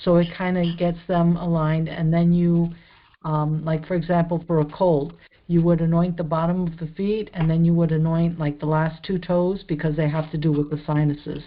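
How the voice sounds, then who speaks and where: A woman's voice: sits low, level tone, normal speed, narrow, tinny audio. A woman teaching about healing in a casual, rambling, explanatory way with many fillers.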